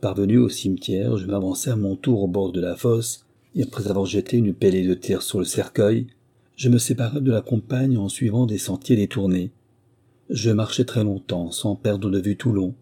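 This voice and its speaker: A man reading a first-person memoir aloud as an audiobook narrator, in steady, measured storytelling. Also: fairly low pitch, slightly rough.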